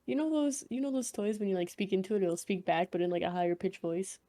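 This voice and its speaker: A woman's voice: mid-range voice, quick pace, mellow. Giggly young woman swapping crude stories. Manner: giggly, profane, rambling anecdotes. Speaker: podcast co-host. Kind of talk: casual podcast chat.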